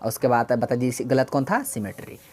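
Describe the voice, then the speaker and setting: A woman's voice: extremely low pitch, lively intonation, fairly quick, a little mellow. A woman teaching an exam-prep English lesson, explaining patiently, repeating key words and answering her own questions.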